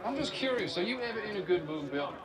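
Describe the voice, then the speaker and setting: An actor playing a wry police sergeant with a Southern US accent, in TV drama dialogue. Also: male voice, high-pitched, animated, quick pace, fairly bright tone, low-quality recording.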